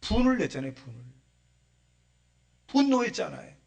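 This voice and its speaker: A male pastor delivers a Sunday sermon in a church, his voice set a little high. He acts out the people he quotes and swings from loud bursts to near-whispered asides. He sounds distant from the microphone. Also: moderate pace, creaky. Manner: animated preaching, acting out quoted voices, swings from loud to hushed. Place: church sanctuary.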